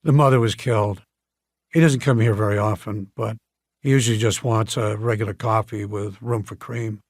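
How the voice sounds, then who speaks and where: A man's voice: fairly low pitch, steady tone, moderate pace, dry recording, studio quality, natural voice. A man reading an audiobook, voicing a friendly, talkative male coffee shop owner who speaks in a plainspoken way. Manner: warm, chatty and plainspoken.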